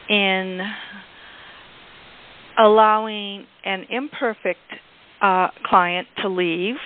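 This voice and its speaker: A woman real estate agent sharing on a group call, hesitant, with many pauses and fillers. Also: medium pitch. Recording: tinny phone line.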